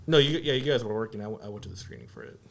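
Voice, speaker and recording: A young man on a podcast, reminiscing in an animated, rambling way with many restarts. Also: lowish voice, rapid-fire, vocal fry. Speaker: podcast guest and graphic designer. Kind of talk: casual chat.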